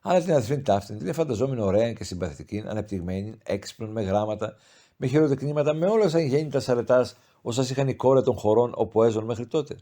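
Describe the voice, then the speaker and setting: A man reading a classic short story aloud as an audiobook narrator, measured and expressive with formal old-style prose. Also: medium pitch. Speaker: audiobook reader. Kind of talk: scripted literary narration.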